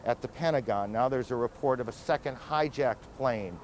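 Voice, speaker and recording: A man anchoring live breaking news, summarizing events in a measured, steady way. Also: mid-range voice, a little hiss or hum, poor audio.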